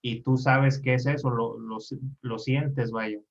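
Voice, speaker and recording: A man's voice: mid-range voice, fairly even intonation, a little slow. A man asking hesitant, probing questions as interviewer. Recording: dull, distant mic.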